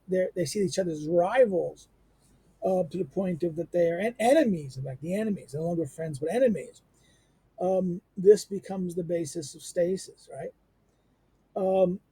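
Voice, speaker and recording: A middle-aged man giving an unscripted lecture on a text, halting with many fillers, restarts and rhetorical questions. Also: high-pitched, warm tone, breathy edge, no echo.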